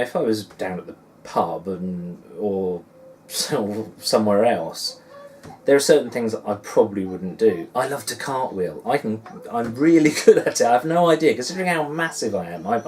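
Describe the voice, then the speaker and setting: A man's voice: on the low side, animated, normal speed, a little mellow. A man in his forties with a Suffolk English accent, chatting casually in a rambling, self-deprecating and musing way, as in a personal vlog. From Suffolk, England. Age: 40s. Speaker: dad blogger and vlogger. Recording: distant mic with faint background noise.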